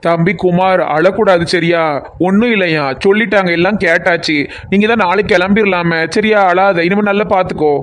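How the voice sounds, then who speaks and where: A calm, sensible village man in a cartoon, gently scolding and reassuring as a man voices him, with a southern Tamil Nadu accent. His voice sits high for a man. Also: a little fast. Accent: southern Tamil Nadu (Kanyakumari–Tirunelveli).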